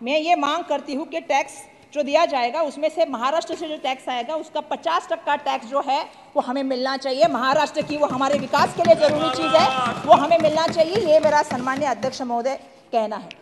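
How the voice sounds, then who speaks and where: A woman delivers an emphatic parliamentary speech in a high voice, returning again and again to address the chair. Her words ring out in a large chamber with a long, echoey reverb. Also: a little fast, few pauses, noisy background. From Maharashtra. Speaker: member of parliament.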